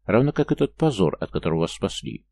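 A man's voice: sits low, big pitch swings, fast, dark tone, dry recording. A man reading an audiobook, voicing an angry, grieving young man who speaks harshly and coldly. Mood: bitter, accusing. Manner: harsh, cold, accusing.

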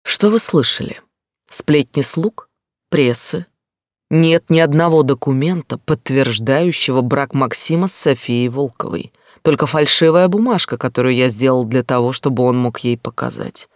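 A man playing a calm, cold male fixer with a mocking edge, speaking in a measured way. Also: medium pitch, dry recording, studio quality, close to an everyday voice.

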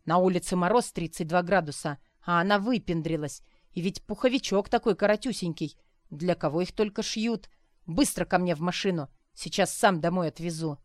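A boorish male schoolteacher, voiced by a woman reader, gruff and self-important. He barks orders and lectures in a lowish, dry voice. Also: moderate pace, dry recording, close to an everyday voice. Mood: scolding.

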